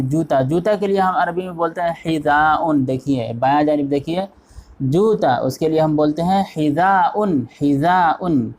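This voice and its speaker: A man's voice: fairly high pitch, darkish tone. A man teaching an online textbook lesson, patiently explaining step by step and repeating each word while quizzing the listener. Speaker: Arabic teacher.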